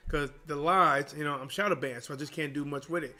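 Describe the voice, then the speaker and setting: Calling a boxing match live for his stream, this channel host chats casually and with plenty of slang to his audience. He speaks a little fast, fairly high in pitch, with a pushed, bright sound.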